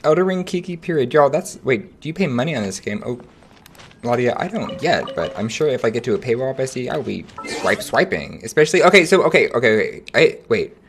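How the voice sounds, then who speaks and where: Young guy streamer chatting w his viewers, slangy + animated, voice sits right in the middle. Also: medium pitch, a little fast, faint music behind. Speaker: game streamer. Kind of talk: casual livestream chat.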